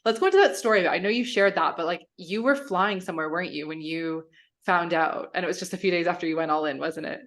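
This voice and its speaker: A woman hosts a podcast interview and speaks casually. She is warmly enthusiastic, gushing over her guest's story. Her voice sits a little low for a woman. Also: fast. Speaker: podcast host.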